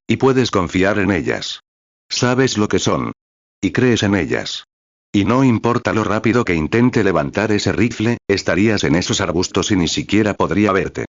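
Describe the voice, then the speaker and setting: Deep male reader for a sermon, earnest and steady, dry and slightly dull sound. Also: no echo. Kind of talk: sermon read aloud.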